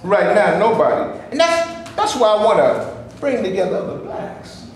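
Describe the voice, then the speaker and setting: A man with a high, very animated voice speaks at a normal speed, faint music playing behind him. He's an actor in a staged reading before a live theater audience, playing an impatient, fed-up man who indignantly and passionately demands his share, and the mood is heated. The room is echoey, with faint background noise.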